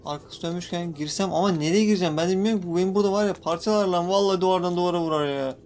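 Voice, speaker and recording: High-voiced excitable young man gaming. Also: rapid-fire, a little hiss or hum. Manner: jumpy, excitable, swearing playfully at in-game creatures. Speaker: gaming YouTuber. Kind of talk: casual Let's Play commentary.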